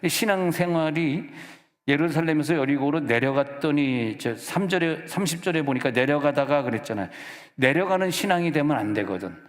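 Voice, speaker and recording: A middle-aged man, a senior pastor, preaching a sermon in a church sanctuary and telling personal stories in a relaxed, conversational way. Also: fairly high pitch, fairly quick, few pauses. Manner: conversational, storytelling with personal anecdotes. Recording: reverberant church hall.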